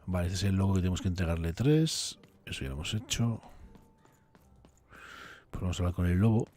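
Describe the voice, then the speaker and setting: A man's voice: low voice, quick pace, mellow. A man, a native Spanish speaker, giving casual commentary as he plays a video game. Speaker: gameplay streamer.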